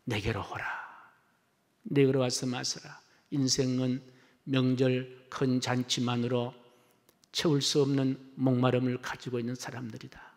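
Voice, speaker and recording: A man preaching a sermon as pastor, moving between loud, emphatic calls and quiet, conversational storytelling. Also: mid-range voice, little pitch movement, a little slow. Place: church sanctuary. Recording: long church hall reverb.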